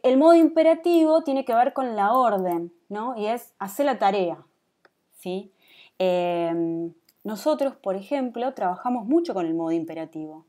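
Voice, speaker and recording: A woman's voice: mid-range voice, warm tone. A woman in her thirties with a Rioplatense Spanish accent, lecturing a design class and checking in with students with a frequent "¿sí?". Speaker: teacher.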